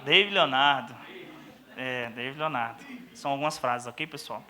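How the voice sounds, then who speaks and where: A man's voice: medium pitch, unhurried, sharp tone. A man with a Brazilian Portuguese accent teaching a church seminary class in an informal, mocking tone, with many tag questions to the audience. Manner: informal, addresses the audience as brothers.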